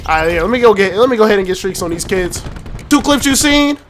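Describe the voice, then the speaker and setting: A young man giving excitable, trash-talking commentary over his own gameplay, often laughing. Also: high voice, quick pace, a little hiss or hum. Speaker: gaming YouTuber. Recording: faint game gunfire behind. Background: gunfire.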